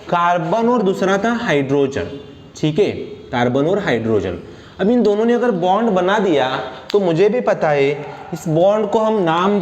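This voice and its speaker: A man teaching a chemistry lesson, playful and quizzing his students with quick questions. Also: high voice, a little mellow. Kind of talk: classroom lecture. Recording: echoey room with faint noise.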